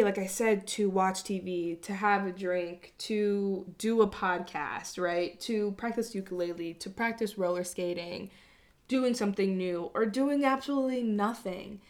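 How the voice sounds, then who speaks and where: A woman's voice: mid-range voice, a little mellow. Earnest rambling woman reflecting aloud. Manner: earnest, rambling, casual swearing. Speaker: vlogger. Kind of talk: reflective personal monologue.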